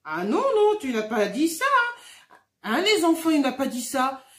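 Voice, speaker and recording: A woman hosting a children's puppet show, speaking gently and directly to the children. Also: sits high, big pitch swings, a little slow. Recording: roomy echo.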